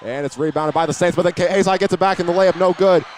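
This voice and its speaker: A man calls live basketball play-by-play from an indoor arena, his voice sitting high with fairly even intonation at a quick pace. He occasionally stumbles over or repeats a word. Noisy gym ambience runs behind him.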